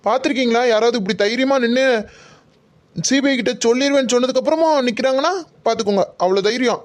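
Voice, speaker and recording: A man's voice: extremely high pitch, fast. A man voicing a pushy investigating officer who talks down to staff and scolds impatiently. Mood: bossy. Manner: bossy, scolding.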